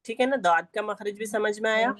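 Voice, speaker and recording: A woman teaching Quran recitation in an online class, patiently repeating each sound slowly for her students to copy. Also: medium pitch, no room sound. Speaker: Tajweed teacher. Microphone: online class audio.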